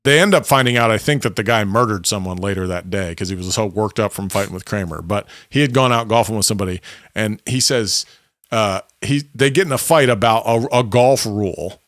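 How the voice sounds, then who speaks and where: A man's voice: on the low side, a little fast, a bit bright, dry recording, clean studio sound. A man co-hosting a podcast, retelling sitcom plots in a rambling, enthusiastic way with many restarts. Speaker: podcast co-host. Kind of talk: casual chat.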